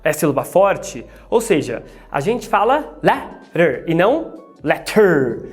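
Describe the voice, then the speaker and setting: A Brazilian woman with a Brazilian Portuguese accent, teaching pronunciation in a playful video lesson full of jokey asides and repeated drills. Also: medium pitch.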